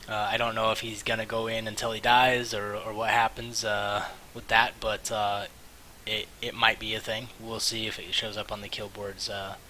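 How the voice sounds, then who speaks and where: Guy streaming a game, really sharp forceful voice, pretty monotone, halting rambly chat, mouse clicks and a bit of hiss. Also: fairly low pitch. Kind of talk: casual game stream commentary. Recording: hissy mic, faint background noise.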